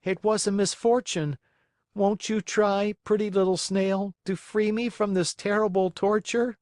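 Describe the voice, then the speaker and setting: A man voicing an excitable, pleading wooden puppet boy in a storybook reading. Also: high-pitched, a little slow, no echo, studio quality, voice pushed up. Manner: eager, pleading.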